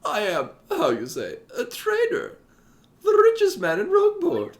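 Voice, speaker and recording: A man voicing a boastful, rich foreign trader in a game, pompous and halting in his phrasing. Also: very high voice, huge pitch swings, voice pushed up, exaggerated voice.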